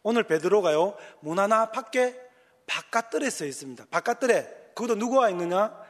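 A man's voice: high-pitched, expressive, fairly quick. A male pastor with a Gyeongsang accent preaching a sermon, telling the story with emphasis and acting out voices. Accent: Gyeongsang Korean. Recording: long hall reverb.

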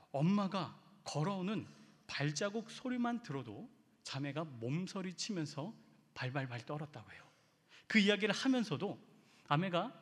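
A male pastor preaching a sermon in a large church hall, his husky, slightly higher-than-usual voice ringing out with a long reverb. He tells stories with great emotion, dropping to a near hush and then surging loud. His pitch rises and falls widely. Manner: emotional storytelling, swinging from hushed to sudden loud surges.

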